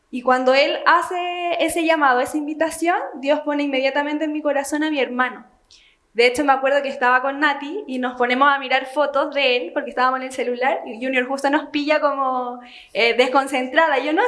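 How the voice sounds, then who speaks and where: A young woman telling her personal testimony to a church group, earnest and halting, with frequent fillers. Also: high-pitched, a bit bright. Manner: earnest storytelling with many fillers. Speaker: church member giving testimony.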